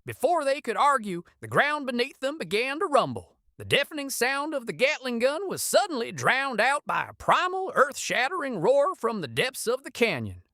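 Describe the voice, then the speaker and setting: A woman's voice: high voice, wildly swooping pitch, normal speed, hardly any pauses, a bit bright, dry recording, clean studio sound. A woman narrating a frontier adventure story in an intense, scripted style.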